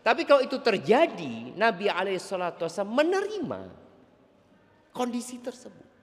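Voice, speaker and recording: Animated male preacher in a reverberant hall. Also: high voice, moderate pace. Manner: animated, playful asides to the congregation. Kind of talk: sermon.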